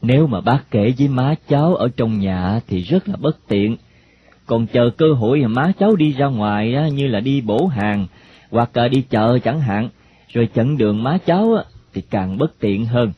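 A man voicing a calm, friendly middle-aged stranger, speaking slowly and hesitantly. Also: mid-range voice, lightly acted. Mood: confiding. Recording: dull lo-fi recording, faint hiss.

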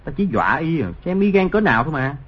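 A cocky young rascal teases in a dropped, husky, breathy voice, as a woman narrator puts him on. He rattles along at a quick clip with plenty of swing in his pitch. The audiobook recording is dry and a bit lo-fi. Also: sing-song, heavily acted. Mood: teasing. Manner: teasing, cocky. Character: sly mischievous young male rogue.

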